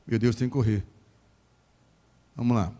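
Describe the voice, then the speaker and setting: A pastor with a Rio de Janeiro Brazilian Portuguese accent preaches a sermon at a church service in a medium-pitched, unhurried voice. He's animated, acts out quoted voices, and jokes with the congregation.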